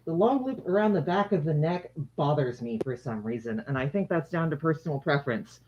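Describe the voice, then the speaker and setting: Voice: medium pitch, animated, brisk, a little mellow, a little hiss or hum. A livestream host giving a casual product demonstration in a conversational, explanatory way, speaking to viewers. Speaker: livestream host demonstrating handmade face masks. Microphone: shared microphone, sometimes turned away from it. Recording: dull lo-fi livestream audio.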